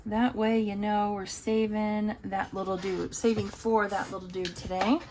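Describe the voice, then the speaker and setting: A woman's voice: medium pitch, flat delivery, measured pace, darkish tone, a little hiss or hum. A woman casually talking through her savings challenges, chatty and thinking aloud as she counts. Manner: chatty, talks to herself while counting. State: has the hiccups. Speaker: budgeting vlogger.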